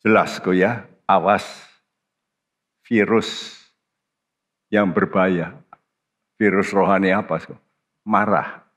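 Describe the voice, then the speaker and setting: Deep-voiced pastor preaching slow, punches words up high, long church reverb. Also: male voice, fairly even intonation, a bit bright. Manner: slow and emphatic, with sudden high-pitched stresses. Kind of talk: sermon.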